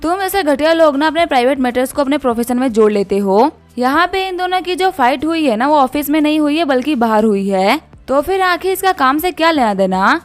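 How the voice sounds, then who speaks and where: A woman's voice: high-pitched, expressive, fairly quick, few pauses, faint music behind. A woman voicing a confident, outspoken young actress who scolds sharply in a manga recap. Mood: scolding.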